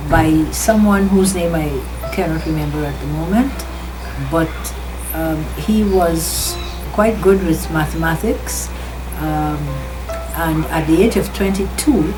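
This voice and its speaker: An elderly Guyanese woman in her eighties with a low, grounded voice recounts her family past slowly, pausing to recall details. Loud music runs underneath her words. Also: poor audio. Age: 80s. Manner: slow, careful recollection with pauses. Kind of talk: interview reminiscence.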